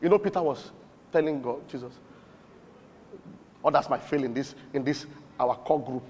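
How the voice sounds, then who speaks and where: A man preaching a sermon, swinging from shouted points to murmured asides. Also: mid-range voice, moderate pace, big-room sound, a little hiss or hum. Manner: emphatic, swings between shouting and murmuring, chuckles often.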